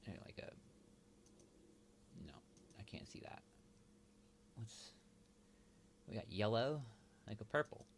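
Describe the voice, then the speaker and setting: Man, thinking aloud, mumbling, halting, gravelly fry, faint background hiss. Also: on the low side, expressive. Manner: mumbling, halting, talks to himself. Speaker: video host. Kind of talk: thinking aloud while working.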